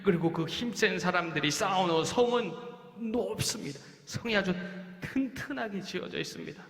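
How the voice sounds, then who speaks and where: A man preaching a children's sermon, telling a story with lively acted-out quotes and questions to the kids. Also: high-pitched, normal speed, gravelly. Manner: animated, acts out quoted speech, asks children questions. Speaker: children's pastor. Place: church worship hall. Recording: echoey church hall.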